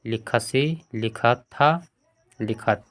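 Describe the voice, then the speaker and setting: Man, teacher explaining a textbook lesson, middle pitch, asks and answers his own questions, reads word forms aloud one by one, crickets chirping behind. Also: extremely slow, a bit bright. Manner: asks questions then answers them himself.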